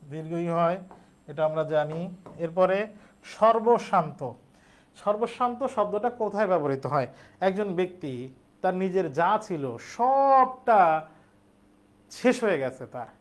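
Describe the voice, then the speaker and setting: A man teaching a spelling lesson, explaining step by step and answering his own questions. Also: high voice.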